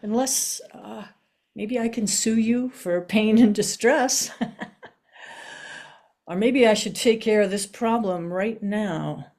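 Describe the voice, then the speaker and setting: A woman playing a vicious, cynical lawyer in an improvised comic scene, talking brashly and deadpan over a video call. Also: medium pitch, slow pace. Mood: panicked.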